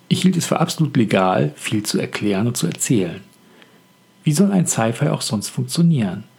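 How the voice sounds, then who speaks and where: An author hosting a scripted writing podcast speaks at a middle pitch in a calm, thoughtful, measured way. His voice has a rough, gravelly texture and deep huskiness.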